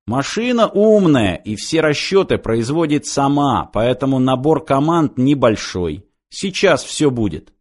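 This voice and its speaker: A man's voice: mid-range voice, sing-song, a little slow, hardly any pauses. A man reading an audiobook, voicing a cornered male sniper who stalls coolly in a dry, sardonic manner.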